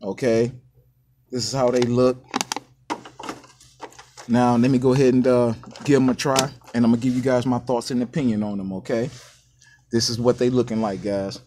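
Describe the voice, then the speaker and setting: A man's voice: medium pitch, little pitch movement, moderate pace, long pauses, mellow, a little hiss or hum. An American man hosting a casual food review vlog, upbeat and chatty, often addressing his viewers and dropping catchphrases. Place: small indoor counter by a sink.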